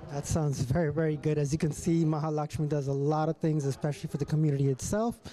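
Very warm-toned male interview host. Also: fairly high pitch, steady tone, fast talker, low-quality recording. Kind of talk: on-site interview hosting.

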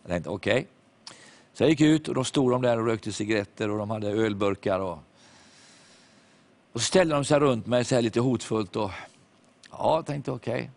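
A man preaching a sermon, telling a story with animated quoted voices and sudden hushed moments. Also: on the low side, long pauses. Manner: drops to hushed tones at reflective moments.

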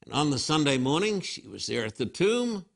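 An older man preaching a sermon as pastor, telling the story with animated storytelling and acted-out quotes. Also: a little high, normal speed, creaky.

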